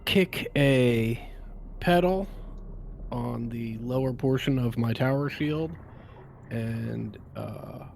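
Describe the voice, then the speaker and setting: Man, tabletop player, unhurried, detailed, mid-pitched. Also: creaky, a little mellow, a little hiss or hum. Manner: deliberate, detailed action narration. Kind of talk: describing his character's actions.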